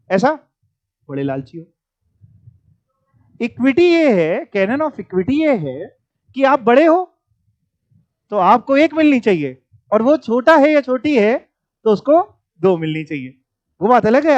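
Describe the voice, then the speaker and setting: A very high-pitched male teacher lectures his classroom in a chatty style, mixing English terms into his speech and poking fun at students. The lecture audio sounds dry and dull.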